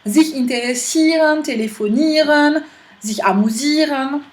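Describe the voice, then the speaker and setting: A woman with a high voice works through a German grammar lesson, explaining each step patiently. She talks like a teacher addressing her class and now and then pauses with an "euh".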